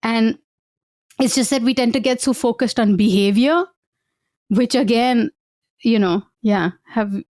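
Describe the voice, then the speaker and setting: A woman speaking as a guest therapist, explaining reflectively in a halting, conversational way and often checking in with the listener. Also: on the high side, darkish tone, no echo. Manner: thoughtful, halting, often checks in with "right?" and "you know".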